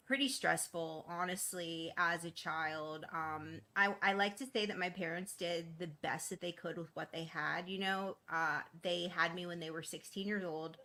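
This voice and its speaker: A candid woman who grew up in East Boston speaks a little low for a woman, chatting loosely with many fillers and easy laughs. She tells her story plainly in a relaxed interview over a call. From East Boston, Massachusetts. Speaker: guest. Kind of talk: casual interview.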